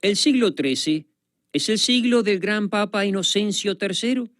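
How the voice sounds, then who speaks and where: A man giving scripted documentary narration in a solemn, measured voice with dramatic pauses. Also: sits high, expressive, fairly bright tone, no echo. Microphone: studio voice-over. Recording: voice-over over guitar music. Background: guitar music.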